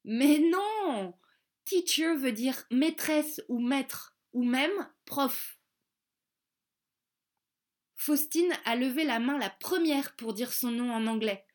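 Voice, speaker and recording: Female children's narrator, clear articulation, unhurried, pitched a little high. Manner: clear, slow, carefully articulated. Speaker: narrator and English teacher for children. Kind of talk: children's storybook narration with pronunciation lessons.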